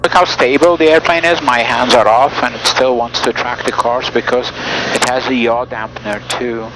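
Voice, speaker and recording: A man's voice: medium pitch, fairly even intonation, normal speed. A man piloting a small plane, talking methodically over cockpit audio as in air traffic control radio calls and flight explanations. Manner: methodical, instructive. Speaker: pilot and vlogger. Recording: cockpit audio with loud background sound.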